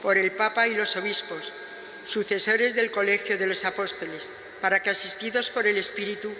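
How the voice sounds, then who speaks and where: High, even-voiced man reading in echoing church. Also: moderate pace. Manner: formal, solemn recitation. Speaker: lay reader of the prayers of the faithful. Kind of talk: read liturgical intercessions. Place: large reverberant church. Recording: echoey church with long reverb.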